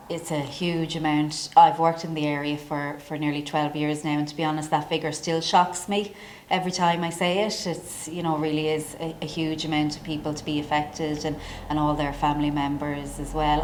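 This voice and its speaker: An Irish woman, a services manager, explaining her work in an interview in a clear, measured way. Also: low-pitched, echoey room, slight background noise, rough recording. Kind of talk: professional interview.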